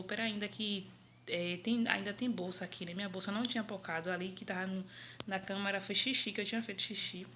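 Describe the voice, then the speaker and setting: A woman's voice: mid-range voice, a bit bright, a little hiss or hum. A young woman, telling a personal story in a chatty, rambling way with many fillers and restarts. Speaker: vlogger. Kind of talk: casual storytelling to camera.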